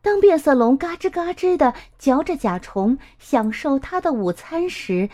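A woman reading a children's storybook aloud. Her voice is high and sing-song, with lots of rise and fall. She takes it slowly and gives every line plenty of expression. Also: lively intonation, warm tone.

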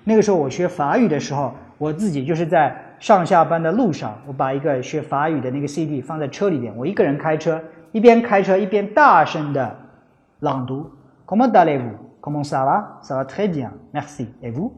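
A man's voice: a little high, animated, fairly quick. Earnest man mixing in English phrases. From China. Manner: earnest, mixes English phrases into his talk. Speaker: English-learning advice speaker. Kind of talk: casual spoken lesson. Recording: faint music behind.

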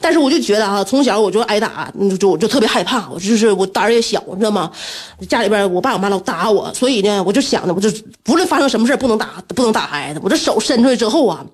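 A woman, a radio host telling a story in an animated way and laughing often. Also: rapid-fire, hardly any pauses, breathy edge. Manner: animated, laughing often, breaks into shrill scolding.

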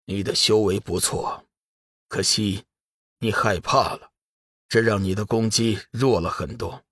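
A man voicing a proud, disdainful master swordsman in a lowered, cold voice. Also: steady tone, a little slow, fairly bright tone, breathy edge, no room sound, clean studio sound. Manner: cold, haughty.

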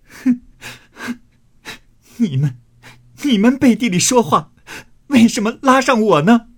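A man's voice: expressive, slow, husky, heavily acted. A man voicing a wronged young maidservant who protests through tears. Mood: tearful protest. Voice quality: tearful, high and pleading.

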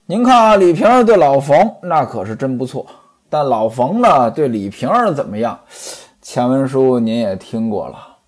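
Animated male storyteller, husky voice. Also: medium pitch, normal speed. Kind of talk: traditional Chinese storytelling.

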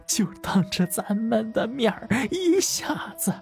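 A woman's voice: expressive, measured pace, soft background music. A woman voicing a grieving elderly noblewoman who wails and pleads through tears in an audio drama. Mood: sobbing. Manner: wailing, high-strung pleading.

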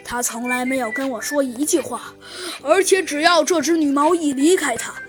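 A woman doing a sighing old wolf gentleman. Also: high voice, music in the background, lightly acted. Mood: troubled. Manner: sighing, halting storyteller's retelling. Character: worried male wolf elder recounting troubles.

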